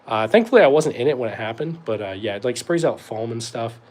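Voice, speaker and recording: A man's voice: mid-range voice, animated, fast talker, darkish tone. A young man from North Carolina, hosting a casual livestream Q&A and answering chat in a laid-back, rambling way with lots of fillers. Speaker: host answering live chat questions.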